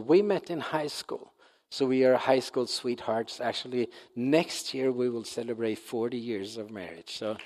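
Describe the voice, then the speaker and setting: A man in his sixties from Sweden with a Swedish accent, speaking as a guest missionary at church in a halting, earnest way full of fillers and restarts. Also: mid-range voice, a little mellow. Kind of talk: church talk. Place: church sanctuary. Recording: long reverb of a large hall.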